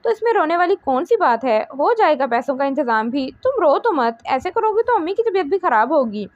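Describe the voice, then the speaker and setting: A woman reading the lines of a young man comforting his sister in a soft, affectionate way. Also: high-pitched, sing-song, a little fast, no echo, highs cut off. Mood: gentle. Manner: soothing, affectionate. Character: caring older brother, gentle and reassuring.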